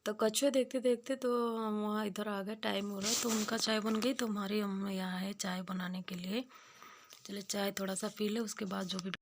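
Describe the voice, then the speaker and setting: A woman's voice: mid-range voice, fairly even intonation, moderate pace, slight background noise. A young woman narrating a casual village vlog, homely and repetitive as she draws simple life lessons. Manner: homely, repeats points, moralizing. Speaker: village vlogger. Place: village home outdoors.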